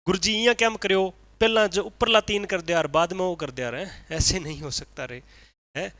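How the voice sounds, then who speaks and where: A rustic young male student, blunt and doubtful in his questioning, as a man puts him on. He talks high and loud in a bright, forceful tone, and the sound is dry and close. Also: normal speed, no echo.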